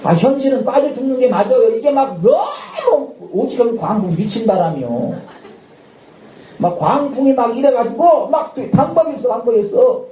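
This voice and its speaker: A male pastor preaching a sermon with lively energy, often shouting out dramatic lines and laughing. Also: very high-pitched, normal speed. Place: church sanctuary at a Friday night service. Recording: echoey church hall, distant mic, faint noise.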